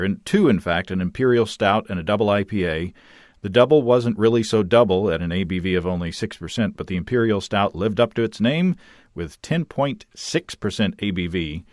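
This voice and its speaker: A male podcast host with a low voice that rises and falls a lot as he talks. He reads out listener notes in a relaxed, chatty way, and the sound is dry and close. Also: no room sound. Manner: chatty and easygoing. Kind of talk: casual podcast hosting, reading listener notes.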